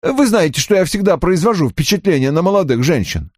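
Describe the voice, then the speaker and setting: A man's voice: high-pitched, big pitch swings, fairly quick, darkish tone, breathy edge, no echo, clean studio sound, pitched above the performer's own voice, full character voice. A man reading an audiobook, voicing an eager young male assistant who reports in long-winded, overly formal sentences. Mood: earnest. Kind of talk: audiobook character voice.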